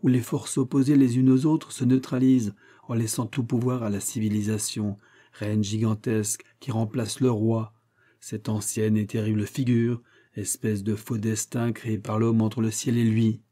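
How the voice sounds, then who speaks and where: An intense young man holding forth on grand ideas with declamatory sweep, as a man reads him aloud. His voice stays low and mellow, rising in bursts of emphasis. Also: little pitch movement, moderate pace, natural voice. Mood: declaiming.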